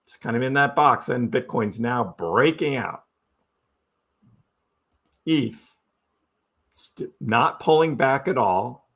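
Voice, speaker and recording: A man's voice: medium pitch, lively intonation, slow, long pauses, a bit bright. A man hosting a live crypto stream, giving casual chart commentary and asking his audience rhetorical questions. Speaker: crypto livestream host.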